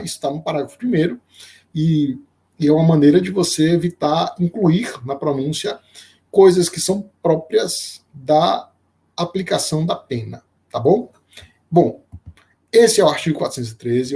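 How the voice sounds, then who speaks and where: This law professor gives a live-streamed lecture in a slightly high, mellow voice with some vocal fry. He explains things slowly, using plenty of fillers and restarts, and stops now and then to greet viewers by name.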